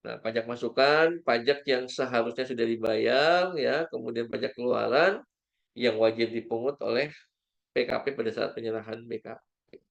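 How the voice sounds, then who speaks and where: A man's voice: medium pitch, moderate pace, vocal fry, dull audio. A man giving an online tax lecture in an explanatory way, his audio choppy and breaking up over a video call. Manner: explanatory, peppered with "nah" and "ya". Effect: choppy, breaking-up connection audio. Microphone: video call from a computer over wifi.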